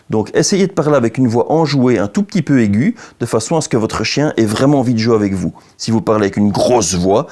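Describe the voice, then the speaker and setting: A man's voice: mid-range voice, a little mellow. Man explaining, music behind. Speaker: dog trainer, instructor. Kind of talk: instructional explanation to viewers.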